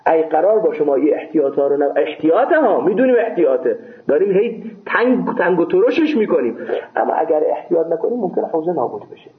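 A man, a seminary scholar, telling a lively story about his exam in a casual interview and acting out the dialogue. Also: a little high. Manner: lively retelling with quoted back-and-forth dialogue. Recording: tinny phone-like sound, echoey room.

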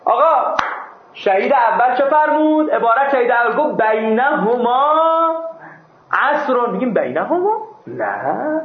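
Here a man with a very high voice and lively intonation teaches seminary students, reading Arabic aloud and explaining it through questions and answers. Occasionally he jokes with them. It's a dull, echoey classroom recording.

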